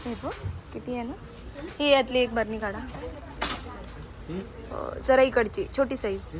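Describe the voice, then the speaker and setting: A young woman with a fairly high, unhurried voice records a casual shopping vlog on her phone. She alternately coaxes and scolds her small child in a busy outdoor market and inside a shop, amid noisy surroundings.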